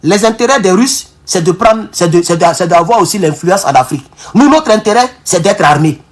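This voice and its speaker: A man with an African French accent hosts a political livestream in a high, animated voice at a slightly fast pace. He talks with fervor and emphasis, repeating phrases, restarting words, and calling his viewers comrades.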